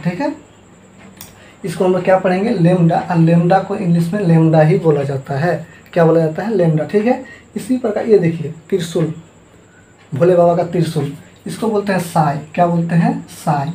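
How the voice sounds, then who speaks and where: Teacher, male, high mellow voice, quizzes the class and answers himself, ends points with a rising "thik hai", echoey room with faint noise. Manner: asks the class questions and answers them himself. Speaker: math teacher. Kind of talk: blackboard math lesson.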